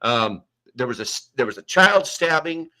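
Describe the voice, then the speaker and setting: This American man's casual livestream finds him animated and forceful, reading chat names aloud in a rambling way. He talks at normal speed in a bright, mid-range voice, using a small desk microphone in a mostly empty room.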